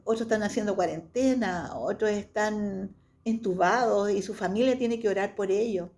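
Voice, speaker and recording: A woman's voice: a little high, mellow. A woman giving a devotional Bible lesson, speaking earnestly and reading scripture passages aloud between her own reflections. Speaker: Bible teacher.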